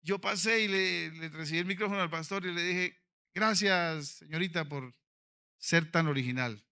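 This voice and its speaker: Fervent, bright-voiced male pastor. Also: fairly high pitch, moderate pace, clear, resonant tone. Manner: animated preaching, swinging from quiet storytelling to fervent shouting. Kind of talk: sermon. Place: convention auditorium.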